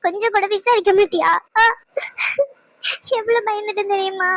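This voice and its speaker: A woman voicing a tearful young student, squeaky-high. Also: fairly even intonation, fairly bright tone, no echo. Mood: scolding. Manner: scolding, crying, rapid-fire questions. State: crying. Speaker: voice actor. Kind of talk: cartoon dub acting.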